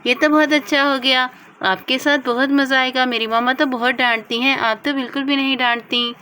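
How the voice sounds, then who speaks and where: A woman's voice: high-pitched, steady tone, a little fast, pushed and bright, a little hiss or hum. A woman voicing a stubborn little girl doll in a doll-play story, with a whiny, begging way of talking. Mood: cheerful.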